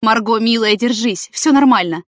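A woman reading an audiobook, voicing a middle-aged male head of a maternity ward who speaks in a firm, brisk way. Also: on the high side, no room sound, studio quality, pitched above the performer's own voice, close to an everyday voice.

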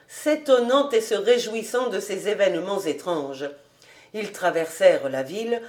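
A woman reading a classic novel aloud as narrator, in a measured, calm storytelling manner. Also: mid-range voice. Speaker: audiobook reader.

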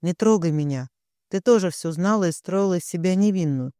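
A man's voice: sits high, fairly quick, dark tone, smooth, no echo, studio quality, close to an everyday voice. A man voicing a distraught young woman who pleads through tears and lashes out at her parents. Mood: furious. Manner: tearful pleading.

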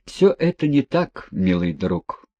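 A man's voice: medium pitch, big pitch swings, unhurried, a little mellow, husky, no echo, highs cut off, pitched above the performer's own voice. A male reader voicing an elderly general and father who stammers and repeats himself in agitation. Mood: agitated.

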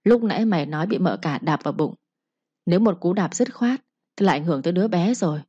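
A woman's voice: on the low side, expressive, fast talker, warm tone, husky, no room sound, muffled recording. A woman voicing a cold, stern young master of the house who gives commands. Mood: menacing.

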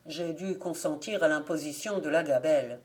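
A stubborn nobleman who complains indignantly, as voiced by a woman reading the story. The voice is fairly low, in a storybook legend. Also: moderate pace, darkish tone, natural voice.

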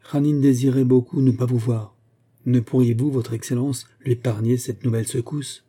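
A man's voice: mid-range voice, steady tone, moderate pace, warm tone, husky, close to an everyday voice. A man voicing a proud, defiant young schoolgirl who speaks in a haughty, insistent way.

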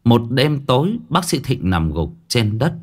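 A man narrating a horror story in an expressive, dramatic storytelling style. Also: medium pitch, a little slow, husky.

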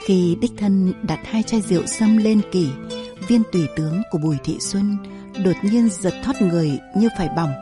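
A woman narrating a historical story in a measured, dramatic storytelling manner. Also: mid-range voice. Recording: dry close recording with faint music.

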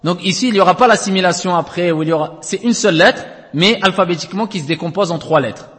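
A man's voice: sits high, fast, a bit bright, big-room sound. A man teaching Quranic recitation rules in a classroom lesson, explaining step by step, checking understanding with frequent tag questions, and chanting letters at length.

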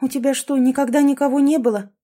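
A woman's voice: fairly high pitch, lively intonation, moderate pace, mellow, voice pushed up. A woman voicing a kind, cheerful young girl in a storybook, raising her voice for the part. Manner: ringing, laughing.

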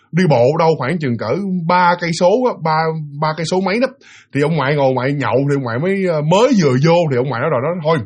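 A man's voice: a little high, slightly rough. A man hosting a ghost story channel, chatting casually with many fillers and friendly tags to his listeners.

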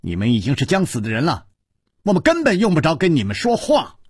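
A man's voice: fairly high pitch, huge pitch swings, fast talker, breathy edge, dry recording, studio quality, voice pushed up, exaggerated voice. A male storyteller voicing a haughty young woman disciple who speaks sharply and coldly. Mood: harsh. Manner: sharp and cold.

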